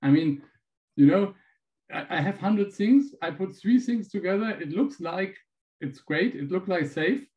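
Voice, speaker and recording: A man with a German accent asking a question, halting and restarting as he searches for words. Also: high voice, lively intonation, lo-fi sound. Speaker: audience member asking a question.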